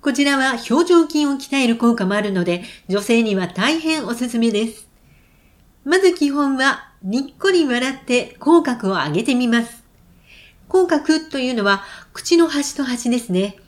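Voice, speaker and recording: Slow, calm woman teaching voice exercises. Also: high voice. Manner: calm, clear, encouraging instruction. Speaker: voice trainer. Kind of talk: vocal exercise instruction.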